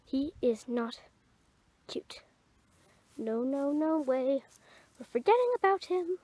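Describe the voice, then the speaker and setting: A woman voicing a young female rabbit who is lovestruck and sulky, speaking softly in a drawn-out, girlish way in a hobby toy-animal drama. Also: sits high, animated, dry recording. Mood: dreamy, flustered.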